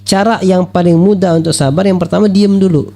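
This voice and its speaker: A man preaching at a religious study lecture, lively and full of rhetorical questions, acting out the voices he quotes. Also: high-pitched, brisk, gravelly. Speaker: Islamic preacher.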